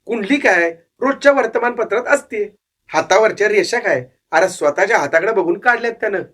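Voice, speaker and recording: A man's voice: high-pitched, lively intonation, fairly quick, fairly bright tone, voice pushed up. A man voicing a shrewd, cynical old male street fortune-teller who talks bluntly and knowingly in a narrated story. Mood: amused, knowing. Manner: blunt, scolding, worldly.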